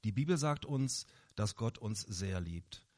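A man voicing a kind, patient old candy maker gently explaining things to his granddaughter. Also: lowish voice, lively intonation, measured pace. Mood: gentle.

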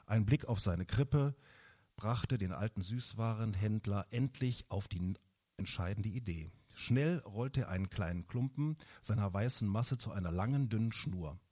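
A man calmly reading a children's story aloud. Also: lowish voice, unhurried, husky.

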